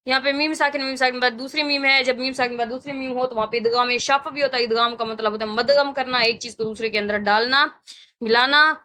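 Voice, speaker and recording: Bright, clear-voiced woman teaching tajweed. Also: sits high, steady tone. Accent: Pakistani Urdu. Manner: patient, repeats each sound several times for students to copy. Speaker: Quran recitation teacher. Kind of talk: tajweed lesson with slow chanted recitation.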